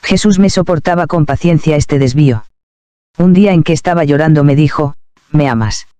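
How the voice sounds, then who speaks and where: A man calmly and reverently reading a first-person devotional memoir aloud as narrator. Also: a little high, fairly quick, clean tone, no room sound.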